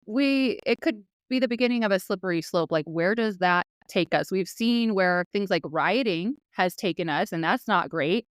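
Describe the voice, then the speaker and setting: A woman's voice: medium pitch, expressive, moderate pace, hardly any pauses, no room sound, clean studio sound. A woman co-hosting a podcast, talking casually and with opinion about current events. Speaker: podcast co-host.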